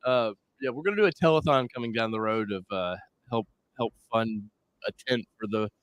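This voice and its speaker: A man's voice: medium pitch, fairly quick, fairly bright tone. A man hosting a casual live car talk show, loose and rambling, thanking viewers and bringing in a guest. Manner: loose, rambling, with restarts and laughs. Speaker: podcast host.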